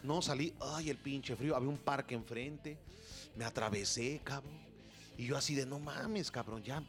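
A young Mexican man hosting a radio show, telling a story in a relaxed mid-range voice with plenty of crude slang. He gets animated and acts out the other people's voices as he goes. Faint music runs underneath. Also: mid-range voice, normal speed. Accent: Mexican Spanish. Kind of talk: casual storytelling chat.

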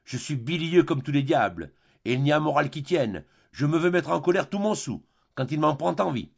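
A man's voice: fairly high pitch, animated, a little fast, gravelly, muffled recording. A man voicing a naive, boastful middle-aged bourgeois who is hot-tempered and easily amazed, in an audiobook reading of a classic play. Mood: blustering.

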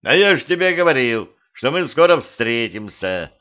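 A man's voice: mid-range voice, sing-song, moderate pace, clear, resonant tone, lo-fi sound, natural voice. A man voicing a jovial, sly sorcerer with a breezy, friendly manner.

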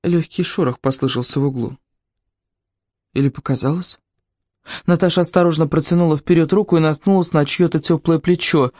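An audiobook narrator telling a story in a calm, even way. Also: medium pitch, brisk, dry recording, studio quality. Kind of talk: scripted narration.

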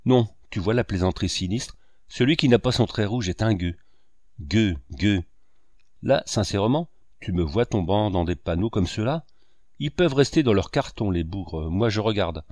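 A man reading an audiobook, voicing a boisterous, sarcastic old man who declaims and breaks into booming laughter. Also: expressive, moderate pace, a little mellow, no echo, studio quality. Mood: mocking. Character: boisterous sarcastic old male painter, mocking.

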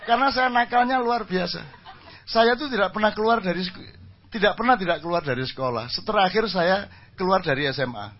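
Man, East Javanese accent, husky voice, joking storyteller, dull lo-fi recording. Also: high-pitched, lively intonation, fairly quick. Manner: jokey, self-mocking, slips into Javanese. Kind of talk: humorous storytelling talk.

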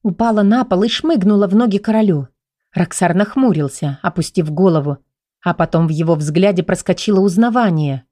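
A woman narrating a first-person audiobook in a lively, playful storytelling manner. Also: on the low side, fairly quick, dry recording.

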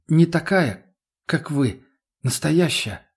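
A man reading an audiobook, voicing a frightened, shaken teenage captive who speaks in short, halting bursts. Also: fairly high pitch, expressive, husky, pitched above the performer's own voice, full character voice. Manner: fast, halting, pleading.

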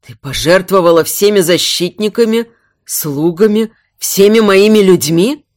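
A woman voicing a weary young male king, a besieged warrior who speaks low and tired. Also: animated, measured pace, darkish tone, lightly acted. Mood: bitter.

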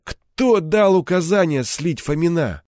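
A hardened former cop turned criminal enforcer, as a male reader puts him on, cold and threatening with a mocking edge. His voice sits raised and pushed louder, and he drags his words out slowly. The audiobook recording is close and dry. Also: fairly high pitch, expressive, dry recording, pitched above the performer's own voice. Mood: menacing.

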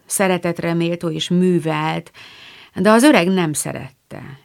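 A woman reading the lines of a gentle, wise mother in an audiobook. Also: on the low side, creaky.

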